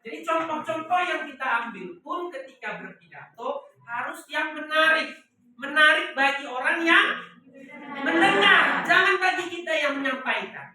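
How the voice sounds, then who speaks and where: A woman's voice: sits high, expressive, moderate pace, bright, forceful tone, a little hiss or hum. A woman teacher giving a classroom lesson, leaving her sentences open for the class to finish. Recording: echoey classroom from far off.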